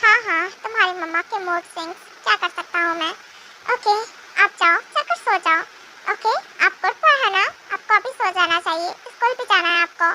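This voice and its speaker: Fan dubber doing a fond, exasperated young dad, high voice, noisy mic. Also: normal speed, sharp tone, heavily acted. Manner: soothing, indulgent, mildly exasperated. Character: patient young husband and father, fond and teasing. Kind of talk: amateur fan dub. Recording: noisy home recording.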